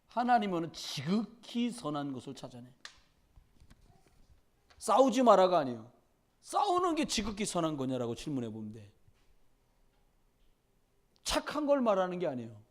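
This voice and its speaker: A male pastor preaching a midweek church sermon, swinging between loud exhortation and quiet storytelling, and often putting questions straight to the congregation. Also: high voice, huge pitch swings, moderate pace, pauses often. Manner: conversational, addresses congregation directly with questions.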